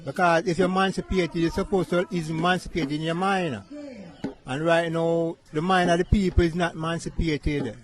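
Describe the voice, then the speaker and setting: A man's voice: fairly high pitch, fairly even intonation, moderate pace. A Jamaican man talking in Rasta speech with Patois-inflected English, reflecting philosophically in a casual interview. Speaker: interviewee, musician.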